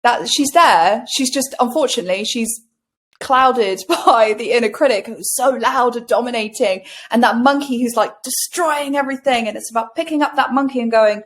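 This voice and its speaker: Woman, bubbly interview guest, fairly high voice, animated chat. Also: normal speed. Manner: bubbly and animated, swears casually. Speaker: guest coach.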